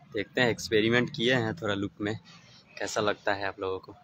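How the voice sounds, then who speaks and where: A man with a Bhojpuri accent, a singer and songwriter hosting a casual live stream. He speaks softly and easily, greeting his viewers by name and chuckling often. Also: fairly low pitch, normal speed, a little hiss or hum. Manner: soft-spoken, relaxed, chuckles often.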